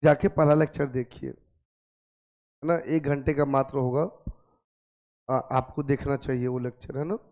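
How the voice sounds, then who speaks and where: A man teaching a physics class, nursing a sore throat, coaxing and gently scolding his students with repeated questions. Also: mid-range voice, level tone, unhurried, long pauses, lo-fi sound. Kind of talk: classroom lecture.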